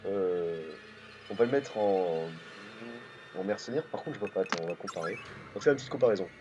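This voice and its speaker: A man's voice: deep voice, expressive, fairly quick, music in the background. A man from France commenting casually on his gameplay, thinking aloud with many hesitations. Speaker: let's play host. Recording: dull lo-fi recording.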